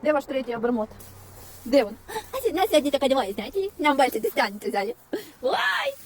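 A woman's voice: high voice, big pitch swings, fast talker, a little mellow. A woman vlogging outdoors by a road, cooing in sing-song baby talk while she feeds stray dogs. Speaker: volunteer feeding stray dogs. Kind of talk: casual vlog talk to dogs. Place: outdoors by a roadside dump. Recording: outdoor traffic noise. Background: passing cars and animal sounds.

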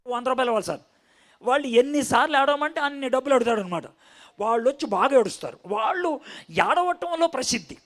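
A male preacher teaching from the Bible in an animated, storytelling way, often asking his listeners questions. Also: very high voice. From India.

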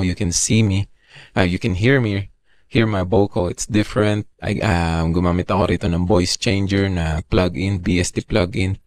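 A Filipino call center agent talking through a deep pitch-shifting voice changer plugin, chatting casually. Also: male voice. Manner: relaxed, chatty, mixing English and Tagalog. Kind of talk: casual vlog demonstration.

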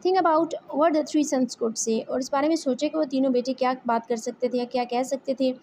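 Woman teacher, high and mellow voice, slow read-aloud then explanation, faint background hiss. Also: fairly even intonation. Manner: reads English slowly, then explains in Hindi-Urdu. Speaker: English teacher. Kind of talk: explaining a textbook exercise.

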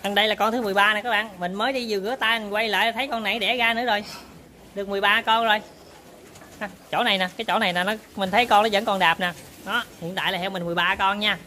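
A man's voice: high-pitched, steady tone, rapid-fire, pushed and bright, a little hiss or hum. A man casually talks viewers through work in his pig barn, often turning to address them. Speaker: pig farmer vlogger. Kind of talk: casual on-farm demonstration.

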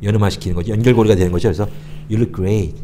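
A man's voice: fairly low pitch, steady tone, fast talker, mellow, slight background noise. A man teaching English phrases in a patient explanatory lesson, repeating lines for learners to copy. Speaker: English tutor.

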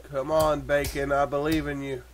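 A man's voice: a little high, flat delivery, moderate pace, slight background noise. A young man chatting crudely with a friend while playing a video game, laughing often and yelping now and then. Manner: loud, laughing, crude, with sudden yelps. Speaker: gaming channel host. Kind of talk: casual gaming chat with a friend.

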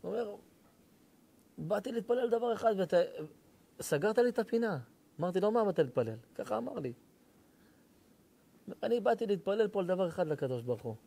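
A man in his forties, a rabbi preaching an emotional sermon, swinging from quiet confession to pleading cries. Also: high-pitched, expressive, vocal fry, long pauses. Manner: impassioned, rising to pleading cries.

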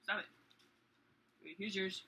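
A young man complaining and swearing loudly while joking with friends. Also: high voice, steady tone, a little slow, low-quality recording. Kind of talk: casual chat among friends.

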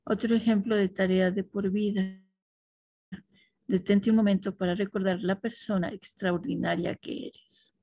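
A woman teaching a class, talking thoughtfully with restarts and soft affirmations to her students. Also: medium pitch, fairly even intonation, a little slow, no room sound, dull audio.

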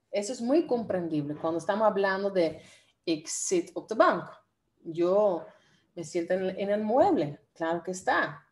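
A woman teaching an online language lesson, lively and playful, with a Dominican Spanish accent. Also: mid-range voice. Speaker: Dutch teacher.

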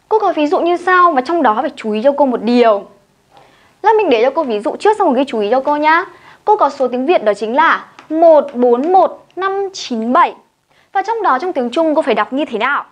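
A woman teacher with a Vietnamese accent giving a video lesson, explaining step by step and leading learners through repeated drills. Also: high voice. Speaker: Chinese language teacher. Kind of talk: classroom-style video lesson.

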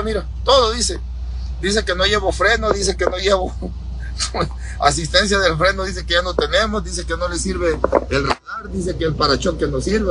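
A Salvadoran man with a Salvadoran Spanish accent, a truck driver vlogging live from his cab in a storm, excitable and joking. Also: sits high, a little hiss or hum, poor audio. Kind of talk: casual live driving vlog. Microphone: phone held on the dashboard.

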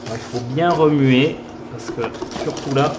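A man's voice: mid-range voice, moderate pace, highs cut off. A man with a Toulouse accent teaching a live pastry lesson, chatting as he whisks and stirs at the stove. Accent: Toulouse French. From southern France. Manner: chatty, talks while whisking and stirring. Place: kitchen. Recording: echoey kitchen with clear background noise.

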